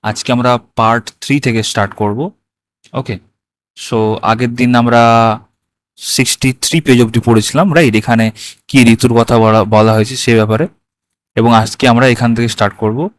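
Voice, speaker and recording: A man's voice: mid-range voice, steady tone, normal speed, long pauses, dry recording. A male teacher walks through a primary school textbook in mixed with English, often checking "right?". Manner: explains in Bengali mixed with English words, often asks "right?". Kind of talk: walking through a textbook lesson.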